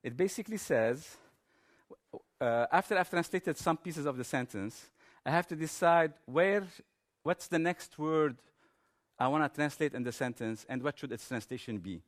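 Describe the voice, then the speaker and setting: A man's voice: fairly high pitch, expressive, normal speed. A man giving a technical conference presentation in an informal, explanatory manner.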